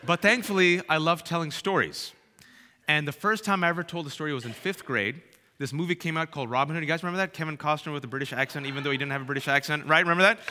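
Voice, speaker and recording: A man, telling comic stories to a live audience and shouting out punchlines. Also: a little high, fast. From Bay Area, California. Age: 30s. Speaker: speaker. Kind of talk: comic storytelling talk. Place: large hall with live audience. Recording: reverberant hall.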